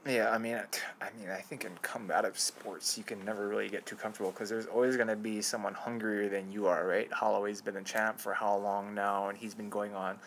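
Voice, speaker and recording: Podcast co-host, male, lower voice, explains calmly and methodically in casual MMA chat. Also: a little fast, hardly any pauses, slight background noise. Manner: explanatory, lists concussion symptoms.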